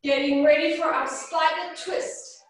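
A woman's voice: high-pitched, steady tone, unhurried. A young woman working out as she leads a fitness class, urging people on with short motivating gym-coach commands. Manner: exerting herself while demonstrating exercises. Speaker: fitness instructor leading a HIIT class. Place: indoor home exercise studio with cupboards. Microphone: far camera or laptop on a video call. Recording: distant, very echoey room sound.

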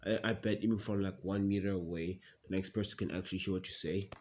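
A man plays a mocking young brother who nags and teases in a home comedy sketch. He pushes his voice up a little higher and louder as he jabs. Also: steady tone, quick pace, a little hiss or hum, close to an everyday voice. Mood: nagging. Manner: teasing, mocking, keeps raising his voice. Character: teasing, nagging young male sibling.

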